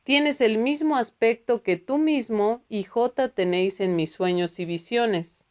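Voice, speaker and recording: A woman's voice: a little high, unhurried, close to an everyday voice. A woman voicing a curious, earnest man who asks questions with wry humor in a read-aloud spiritual book. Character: earnest middle-aged man, the curious narrator.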